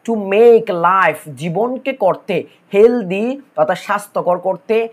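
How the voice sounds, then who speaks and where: A woman's voice: medium pitch, breathy edge. A woman teaching an English lesson, going through a paragraph word by word and quizzing her listeners with questions before repeating the answers.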